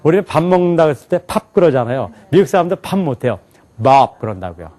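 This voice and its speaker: A man teaching a class in a lively lecture style, often asking the students questions and laughing along. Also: a little high, very fast. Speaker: English teacher at an alternative school.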